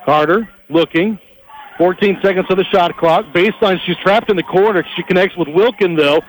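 A man calling live basketball play-by-play on a broadcast headset, rapid and energetic, his voice rising on big plays. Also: high voice, a little hiss or hum, low-quality recording. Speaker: play-by-play announcer.

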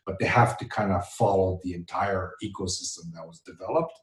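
Low-voiced male guest in an echoey room. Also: a little fast. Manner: casual, hesitant, with fillers. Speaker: podcast guest, entrepreneur. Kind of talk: interview conversation.

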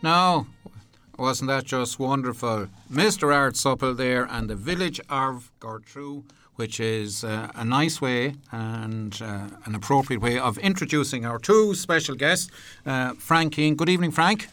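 A man with an Irish accent hosting a radio programme from a studio, presenting in an unhurried, courteous, slightly hesitant way. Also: mid-range voice, fairly bright tone. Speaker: radio host. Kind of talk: radio presenting, part prepared narration, part chat.

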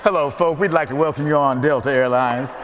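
A man's voice: fairly high pitch, a little fast, a bit bright, a little hiss or hum, natural voice. A man imitating a laid-back male airline pilot making a cabin announcement. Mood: cool. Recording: long cathedral reverb.

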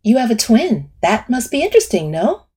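A soft, probing female therapist gently presses her client with question after question in a storybook reading, as a woman narrator puts her on. The voice sits higher and a touch louder than the reader's own, with a husky edge. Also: big pitch swings, normal speed.

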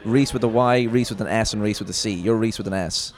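Brief: male podcast host, low voice, rapid joking ramble. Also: steady tone. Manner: joking, rambling, swears casually. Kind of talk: casual chat. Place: merch market stall.

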